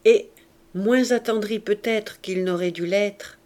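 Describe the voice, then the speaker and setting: A woman narrating a classic novel aloud in a measured, expressive reading voice. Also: mid-range voice. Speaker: audiobook reader. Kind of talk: literary narration.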